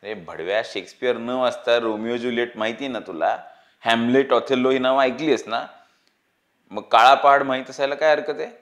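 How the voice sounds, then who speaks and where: A man's voice: mid-range voice, a little fast, a bit bright, lightly acted. Mint, a cocky young schemer, as a male reader puts him on. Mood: confident. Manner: self-assured, lecturing.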